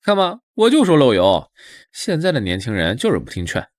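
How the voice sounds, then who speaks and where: 漫不经心的年轻修理工. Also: male voice, medium pitch, huge pitch swings, brisk, no echo, studio quality. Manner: casual, unbothered. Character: laid-back male young mechanic, offhand. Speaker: lead character. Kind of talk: motion comic voice acting.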